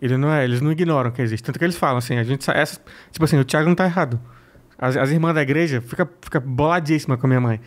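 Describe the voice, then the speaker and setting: Brazilian man, comedian guest, rapid-fire and foul-mouthed, lively storytelling. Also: medium pitch. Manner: blunt, profane, animated storytelling. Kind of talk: casual interview chat.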